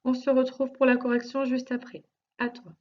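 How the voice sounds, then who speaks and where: A woman teaching a recorded lesson for young children, speaking slowly with carefully articulated, stretched-out words, patient and reassuring as she addresses one child directly. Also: sits high, completely flat delivery, muffled recording. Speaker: primary school teacher.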